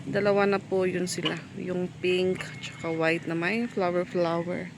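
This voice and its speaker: A woman's voice: on the low side, fairly even intonation, measured pace, noisy background. A woman, narrating a casual home vlog and speaking politely and chattily to her viewers. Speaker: vlogger.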